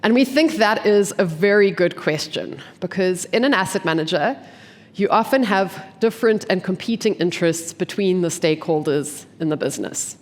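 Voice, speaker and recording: Blocked up with a cold, an investment team member presents at a conference venue in a voice on the low side, animated and at a moderate pace. She explains clearly, frequently posing a question and then answering it, and the hall adds a long reverb.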